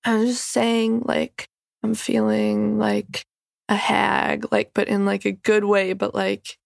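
Sick, gravelly-voiced woman rambling. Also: mid-range voice, monotone, slow, no room sound, clean studio sound. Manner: rambling, laid-back, stoned. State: sick, rough voice. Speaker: podcast co-host. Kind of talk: casual chat.

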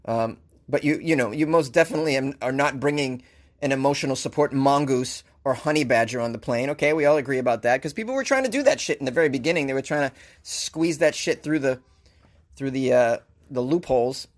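A talk radio host with a Boston accent rants sarcastically about the news, laughing often as he delivers opinionated commentary. His voice is mid-range and his pace brisk.

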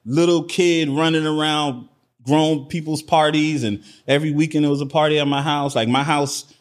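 A young adult man from Miami, a podcast guest telling his backstory in relaxed conversation, often tagging his sentences with "right?". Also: a little high, normal speed. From Miami, Florida. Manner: laid-back, peppers speech with "right?". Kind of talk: casual conversation.

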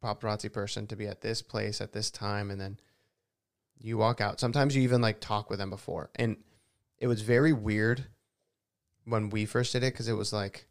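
Easygoing low-voiced young man. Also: steady tone, normal speed, smooth. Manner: easygoing, quotes shouting photographers in loud raised voice. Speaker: podcast co-host. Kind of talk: casual chat.

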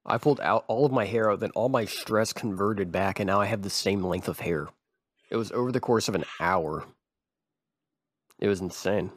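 A man hosting a podcast, rambling and halting in mock-serious grief. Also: fairly low pitch, no echo, studio quality. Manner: rambling, halting, feigned grief breaking into laughter. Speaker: podcast host.

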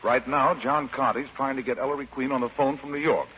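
An American man presents and acts in 1940s radio style as the show's host and detective lead, with a polished, theatrical, explanatory manner. His medium-pitched voice is steady in tone and a little fast, heard through a muffled, hissy old radio broadcast.

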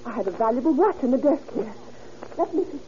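Vintage radio drama: anxious American housewife, high-pitched and mellow, earnest, expressive, muffled noisy recording. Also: female voice, fast. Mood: flustered. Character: respectable, anxious American housewife burgled by sailors. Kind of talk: old-time radio drama acting.

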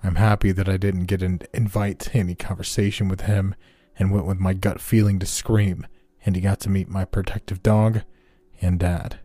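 A man narrating a scripted first-person scary story in a measured, deliberate way, as a storyteller. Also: low voice, level tone, mellow, no echo. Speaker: narrator of listener-submitted scary stories. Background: background music.

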